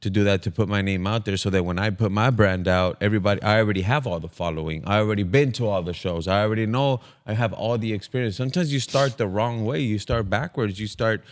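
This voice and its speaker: A man's voice: fairly low pitch, quick pace, hardly any pauses. A man in his thirties in casual podcast chat, giving earnest advice. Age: 30s. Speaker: podcast co-host.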